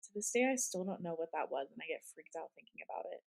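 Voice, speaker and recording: A woman's voice: deep voice, lively intonation, fast talker, vocal fry. A woman co-hosting a casual show, reading scary stories and reacting to them in a chatty, giggly way. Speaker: podcast co-host.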